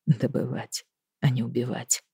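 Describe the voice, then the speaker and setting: A narrator doing a grown man, a sly lute player and lord of thieves, dry and teasing and never in a hurry. The tone is mellow and low-key, read close to the mic with no room sound. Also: moderate pace, husky, no echo, natural voice. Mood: wry. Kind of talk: audiobook character voice.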